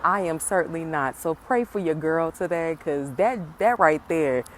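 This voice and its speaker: A woman vlogger telling viewers a funny confession in a casual, animated way, laughing through her story and calling them y'all. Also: low voice, normal speed, slight background noise.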